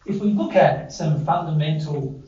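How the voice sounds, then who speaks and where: A man with an Australian accent gives an informal spiritual teaching to a small group in a living room, chatting and repeating their answers back. His slightly high, mellow voice moves at a moderate pace, recorded from far off in a dull, echoey room with a little hiss or hum.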